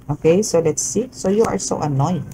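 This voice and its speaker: Low, mellow woman tarot reader. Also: moderate pace, poor audio. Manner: chatty, peppers talk with "no?" and "okay?". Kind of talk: casual tarot reading monologue.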